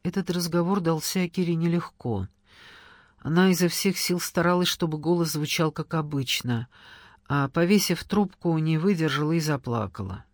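Woman audiobook narrator, measured, dry close sound. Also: low voice, dry recording. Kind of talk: scripted narration.

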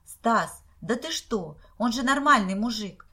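A woman reading the part of an eager, excitable teenage boy in a storybook. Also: fairly high pitch, unhurried, breathy edge, heavily acted.

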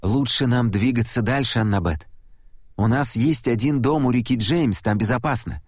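A man reading an audiobook, voicing a tough teenage girl who speaks briskly and urgently. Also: mid-range voice, no echo, studio quality, lightly acted.

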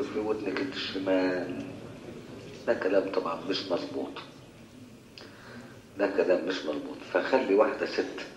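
This is a low-pitched man with an Egyptian Arabic accent, a sheikh responding to worshippers' questions in a colloquial mosque lecture and addressing rhetorical questions to them. The recording is reverberant and lo-fi, carrying a faint hiss or hum.

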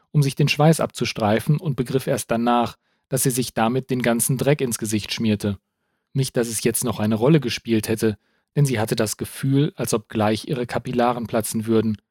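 A male narrator reading a novel aloud, measured and even at a middling pitch. The recording is dry and close. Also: no echo. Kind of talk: scripted audiobook narration.

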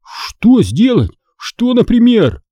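A man's voice: very high-pitched, big pitch swings, slow pace, warm tone, no room sound, dull audio, pitched above the performer's own voice, full character voice. A man voicing a panicky young boy who mutters and snaps at his friends in a storybook reading. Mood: stunned. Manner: stammering, snapping.

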